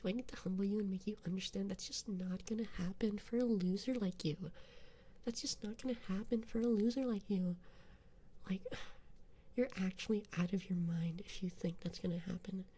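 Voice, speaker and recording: A man's voice: high voice, vocal fry, dark tone, a little hiss or hum. A man doing a bratty Valley Girl in whispered role-play. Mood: taunting. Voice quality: mocking, taunting, drawn-out "like". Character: bratty sassy young Valley Girl gyaru.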